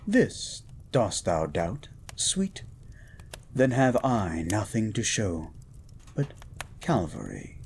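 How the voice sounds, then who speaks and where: Man playing slow, low-voiced Beast, erudite and romantic. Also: wildly swooping pitch, a little hiss or hum, heavily acted. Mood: tender, poetic. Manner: eloquent, formal, flirtatious, lingering over words. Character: gentle, erudite blue beast mutant scientist, romantic poet. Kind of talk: romantic roleplay audio with poetry reading.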